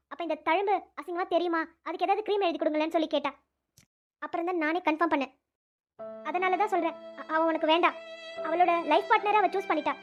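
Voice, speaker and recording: An earnest young female doctor in a cartoon, voiced by a woman talks persuasively. The voice is very high-pitched and quick. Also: lo-fi sound. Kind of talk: cartoon voice acting.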